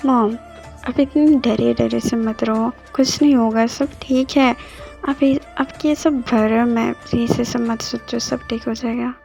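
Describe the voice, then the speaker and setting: A woman's voice: on the high side, fairly even intonation, unhurried, vocal fry, a little mellow, faint music behind. A woman voicing a young college-going daughter who soothingly reassures her mother, in an amateur voice drama. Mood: reassuring. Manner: soothing, insistent.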